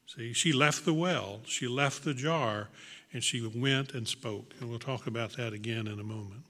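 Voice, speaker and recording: A man preaches to a congregation at medium pitch and normal speed, his tone fairly bright. He's earnest and reflective, restarting now and then and repeating words for emphasis, all under a long hall reverb.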